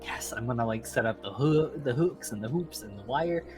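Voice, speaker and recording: A man playing a tabletop game, chatting in character in a playful, excitable, casual way. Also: medium pitch, normal speed, music in the background. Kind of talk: casual role-play chat.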